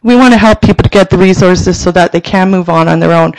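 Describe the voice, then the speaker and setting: A man's voice: sits high, no room sound, rough recording. A man, a social worker, presenting to a city council passionately, often restarting his sentences, speaking into a table microphone in a council chamber. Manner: passionate, halting with frequent restarts.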